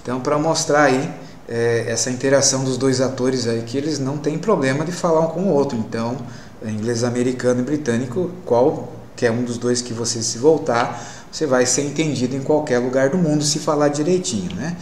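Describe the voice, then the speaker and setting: A man's voice: mid-range voice, a little fast, a little mellow, a little hiss or hum. Male teacher lecturing in an echoey room. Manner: explanatory, frequent tag questions. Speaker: English teacher. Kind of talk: classroom lecture.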